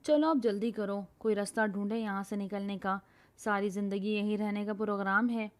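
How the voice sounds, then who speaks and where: A woman's voice: mid-range voice, fairly even intonation, close to an everyday voice. Storybook casting: a bossy, boastful young woman who scolds and quarrels at full voice, as a woman reader plays her. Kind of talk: storybook reading.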